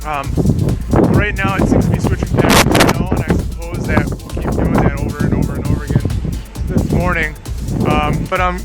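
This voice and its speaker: A man gives a casual, halting weather report outdoors, speaking out against the wind as a storm vlogger. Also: fairly high pitch, fairly even intonation, over loud music, low-quality recording. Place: outdoors on a windy downtown street in a winter storm. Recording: windy outdoor recording, loud background sound.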